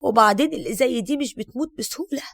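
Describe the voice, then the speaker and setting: A woman's voice: fairly high pitch, expressive, rapid-fire, dry recording. A woman with an Egyptian accent voicing a resentful young daughter-in-law who grumbles with spite about her mother-in-law. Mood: fed up. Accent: Egyptian Arabic.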